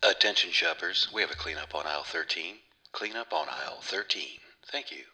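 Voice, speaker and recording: A man in his fifties, a podcast host, putting on a supermarket public-address announcement in a flat, measured announcer delivery. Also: a bass voice, faint music behind, exaggerated voice. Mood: announcing. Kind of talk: mock store loudspeaker announcement.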